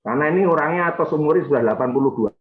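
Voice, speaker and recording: A man preaching a sermon as a pastor, animated, with sudden jumps in pitch and volume. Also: rapid-fire, echoey room, narrow, tinny audio, slight background noise.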